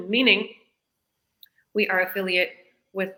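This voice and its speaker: In a live online interview, a woman business coach from British Columbia, Canada, answers questions in a chatty, casual style, explaining things eagerly. Her mid-range voice keeps a fairly even intonation, and her slow pace carries a sharp tone.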